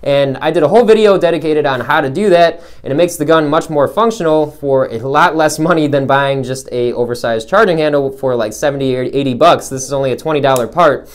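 A man's voice: fairly high pitch, fairly quick, few pauses. A young man who works as a gun store salesman, talking casually to his viewers in a rambling way, with many fillers and restarts. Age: young adult. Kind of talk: casual vlog talk.

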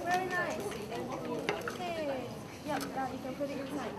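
A young woman with a Malaysian English accent casually guides people through a hands-on cooking demonstration, chatty, encouraging and quick to laugh. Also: sits high, far from the mic, heavy background noise. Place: bright indoor activity room. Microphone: far camera. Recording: echoey room with loud crowd chatter.

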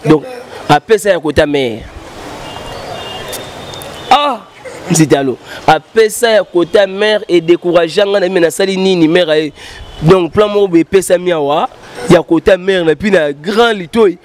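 With a high voice and slight background noise, a thirtysomething musician tells animated, rambling stories on an outdoor studio set with a painted backdrop. Into the interviewer's handheld mic he mixes French and Lingala rapidly, gesturing broadly.

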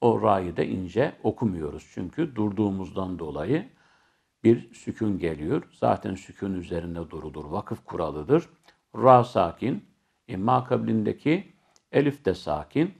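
A man teaching Quran recitation, explaining each letter step by step and then chanting the verses slowly. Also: on the low side, very animated, vocal fry, darkish tone, slightly rough.

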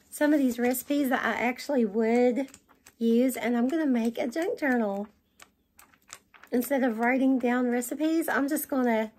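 A middle-aged woman with a Southern US accent, gushing excitedly as she shows off shopping finds to the camera at home. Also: sits high. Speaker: vlogger. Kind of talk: haul video chat. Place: home dining room, indoors.

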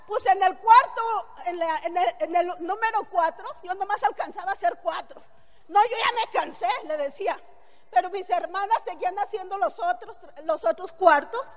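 A middle-aged woman with a Mexican Spanish accent tells her story with blunt, earthy humor. Her voice sits very high. The speech rings with a long hall reverb. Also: normal speed. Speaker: motivational speaker. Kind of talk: testimonial speech to an audience.

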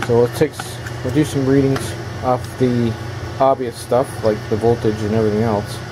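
At a workbench in a small indoor workshop, an electronics repair hobbyist hosts a video, muttering in a mid-range voice as he thinks aloud, halting while he works. His casual, hands-on commentary is captured by a handheld camera's built-in mic, with noisy sound and a steady hum behind it.

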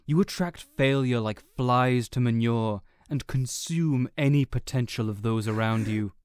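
Scorn drips from this medium-pitched male voice, clear and resonant, as he lightly acts a smug supervillain lording it over a defeated rival in audio roleplay. The delivery is deliberate, condescending and theatrically monologuing, recorded dry with clean studio sound.

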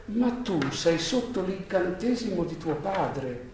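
A man voicing a sly, confident magician in evening dress in a storybook read aloud, in a smooth, assured voice. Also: high voice, sing-song, slow, darkish tone, slight background noise, voice pushed up, exaggerated voice. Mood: knowing. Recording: echoey room, voice far from mic.

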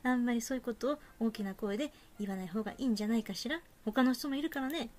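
A woman voicing a gentle teenage student council president who chides a classmate hesitantly. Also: fairly high pitch, racing, lightly acted. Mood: gently chiding. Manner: hesitant, politely chiding. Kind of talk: reading game dialogue aloud.

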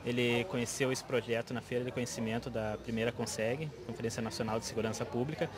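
A young man answers interview questions as a municipal guard. His pitch is average, and he speaks into a handheld mic outdoors with clear chatter of people behind him. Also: fairly even intonation, fast talker. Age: young adult. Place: outdoors in a school courtyard. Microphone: handheld reporter microphone.

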